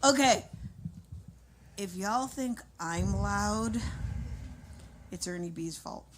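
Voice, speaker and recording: A woman hosting an open mic night, talking loudly through a heavily compressed microphone. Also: medium pitch, animated, slow pace, slight background noise. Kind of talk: live emcee banter.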